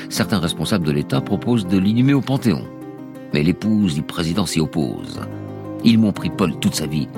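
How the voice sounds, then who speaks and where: A man narrating a scripted radio documentary as a dramatic story, with emphatic phrasing. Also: a bass voice. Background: music.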